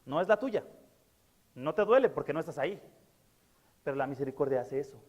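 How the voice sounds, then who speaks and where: A man's voice: on the high side, lively intonation, a little fast, darkish tone, big-room sound, lo-fi sound. A man preaching a sermon as pastor, earnest and repeating key words, with many fillers. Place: church.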